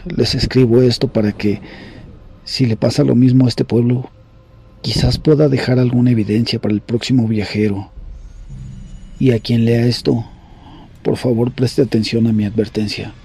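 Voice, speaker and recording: A man reading horror stories aloud in a grave, measured storytelling voice. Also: medium pitch, fairly even intonation, vocal fry, mellow, slight background noise. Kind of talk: scripted horror story narration.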